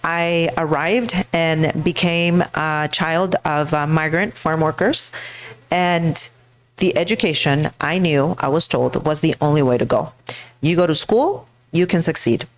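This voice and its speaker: Earnest middle-aged woman, low voice. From Mexico. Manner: earnest, halting, with many fillers and restarts. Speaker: school board candidate. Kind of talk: personal speech to a live audience. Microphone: handheld mic.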